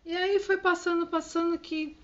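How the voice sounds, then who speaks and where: A woman's voice: extremely high pitch, level tone, moderate pace, a bit bright. Woman from Brazil, middle-aged, vlogger, casual storytelling, does family members' voices, dull lo-fi sound. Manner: chatty, acts out dialogue with her daughter and husband.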